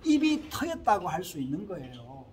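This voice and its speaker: A man's voice: sits high, wildly swooping pitch, normal speed, slight background noise. A man from the Gyeongsang region with a Gyeongsang accent, preaching a sermon as a pastor in his small church and often asking the congregation questions. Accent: Gyeongsang Korean. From Gyeongsang region, Korea. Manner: earnest preaching with frequent rhetorical questions to the congregation. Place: Korea-linked small church abroad.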